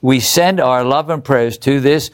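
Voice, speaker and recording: Reading out viewer letters on his Bible study program, the English host stays upbeat and chuckles between comments. He has a medium-pitched, smooth voice and keeps a measured pace.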